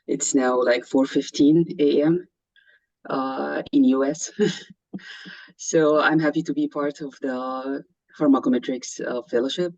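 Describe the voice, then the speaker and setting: A woman's voice: very deep voice, fairly even intonation, measured pace, darkish tone. A woman originally from Egypt introducing herself on a video call, hesitant and full of fillers. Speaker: fellowship participant. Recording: dull, dry video-call audio.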